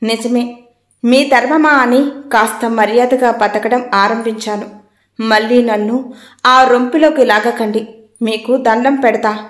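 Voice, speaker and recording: Timid young mother, voiced by a woman, polite, softly pleading, raised pitch, roomy echo, audiobook story. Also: steady tone, a little slow, close to an everyday voice. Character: timid struggling young mother, junior actress. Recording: echoey room.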